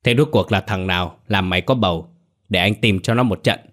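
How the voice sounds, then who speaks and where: Brief: gruff, indignant big brother in a village ghost tale, read by a male narrator. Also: low-pitched, a little fast, a bit bright. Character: hot-tempered protective young man, older brother.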